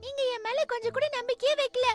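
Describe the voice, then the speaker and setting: Give me a woman doing a sulky cartoon schoolgirl who whines and complains, high and bright, with music behind her. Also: steady tone, fast talker. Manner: whiny and complaining. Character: stubborn young schoolgirl, sulky and defiant.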